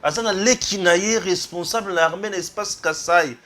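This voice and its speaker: A man's voice: high voice, moderate pace, sharp tone. A man hosting a political talk show, speaking casually and mixing Lingala with French. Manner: conversational, brief interjections, mixes Lingala and French.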